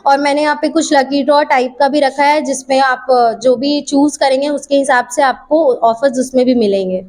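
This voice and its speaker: High-voiced woman studio owner promoting offers. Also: steady tone, normal speed, a little mellow. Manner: friendly, promotional, with hesitation fillers. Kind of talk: interview answers. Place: at her studio opening.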